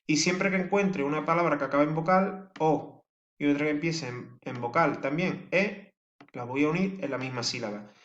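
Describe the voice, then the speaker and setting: A male teacher giving a lesson, explaining step by step, counting syllables out slowly and checking in with his listeners. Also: fairly high pitch, a bit bright, echoey room, dull audio. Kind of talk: classroom lesson.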